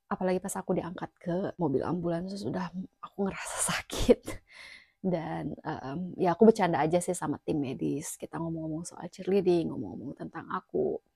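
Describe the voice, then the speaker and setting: Low, husky young woman telling a story. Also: dark tone, dry recording, studio quality. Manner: chatty, many fillers, drops to a near whisper at times. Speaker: vlogger telling her own story. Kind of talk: casual personal storytelling.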